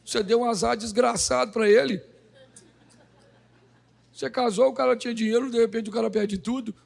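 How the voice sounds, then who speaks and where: A middle-aged man, a pastor, preaching a humorous sermon and acting out dialogue in quick, animated voices. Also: extremely high pitch, vocal fry.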